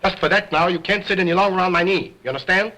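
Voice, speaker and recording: A pompous ventriloquist. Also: male voice, medium pitch, expressive, unhurried, a bit bright, breathy edge. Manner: pompous, grandly formal showman. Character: egocentric, stern middle-aged ventriloquist. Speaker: stage ventriloquist. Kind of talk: 1920s stage and film acting. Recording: vintage 1929 film soundtrack.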